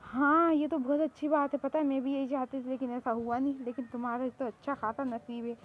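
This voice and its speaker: A woman's voice: high-pitched, little pitch movement, a little fast, phone-quality sound. A woman voicing a fond, chatty middle-aged mother in a spoken fan story. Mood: approving. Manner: approving, chatty.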